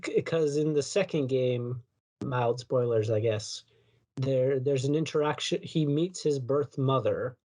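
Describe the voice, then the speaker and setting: A man's voice: medium pitch, a little slow, warm tone. A man co-hosting a podcast, chatting casually about video games in a rambling, self-correcting way. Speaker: podcast co-host.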